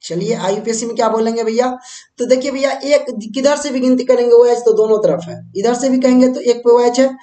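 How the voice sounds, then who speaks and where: An Indian man leads a board-exam chemistry class at the whiteboard, chatty and in the habit of answering his own questions to the students. His voice is extremely high yet dark in tone, steady, and a bit fast. It comes across reverberant.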